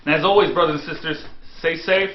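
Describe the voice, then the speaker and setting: Joking host in a roomy room. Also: male voice, on the high side, steady tone, quick pace, a little hiss or hum. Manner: joking, emphatic. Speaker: show host. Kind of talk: casual chat. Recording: roomy, slightly dull sound.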